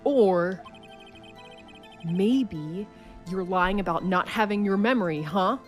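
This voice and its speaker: A woman's voice: mid-range voice, takes it slowly, lightly acted. A woman voicing an accusing, easily exasperated young male defense attorney in a video game. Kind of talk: amateur video game voice-over. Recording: music behind.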